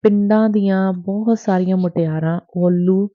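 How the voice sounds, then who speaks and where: A woman narrating a novel as an audiobook in a measured, steady reading voice. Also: mid-range voice. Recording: dry, tinny phone-like sound.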